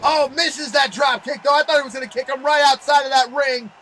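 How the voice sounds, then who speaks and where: High-pitched male wrestling commentator, excitable. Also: a little fast, slight background noise.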